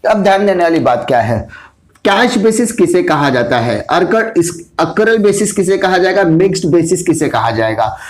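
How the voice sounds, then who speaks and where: An Indian man with a high, fairly light voice lectures on commerce like a classroom teacher, posing questions aloud and answering them himself. His pitch swings widely at a moderate pace, and he repeats key terms to drive them home.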